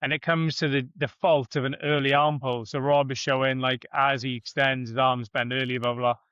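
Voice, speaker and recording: A man's voice: medium pitch, level tone, fairly quick, fairly bright tone, clean tone, no echo. A man telling a story as a podcast guest over a bad call connection that keeps dropping, rambling casually and swearing freely. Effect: bad connection, signal dropping on a call. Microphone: remote call. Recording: dull lo-fi call line, dry.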